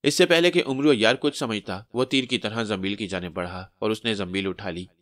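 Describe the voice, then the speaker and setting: A man narrating a fantasy horror story in a steady storytelling manner. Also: fairly low pitch, moderate pace, no room sound, clean studio sound.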